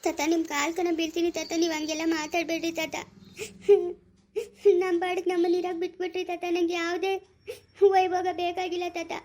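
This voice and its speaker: A woman's voice: very high voice, flat delivery, a little fast, a little mellow. A woman playing a frightened young village girl who pleads tearfully in an amateur family drama, in rural Chikkaballapura Kannada. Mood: tearful pleading.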